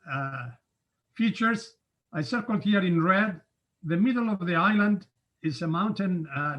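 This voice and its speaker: A man in his seventies from Cyprus, giving an informal online talk from his home study over a video call, unhurried and conversational with frequent filler pauses. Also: fairly high pitch, fairly bright tone. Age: 70s. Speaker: guest scientist speaker. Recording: dull lo-fi video call audio.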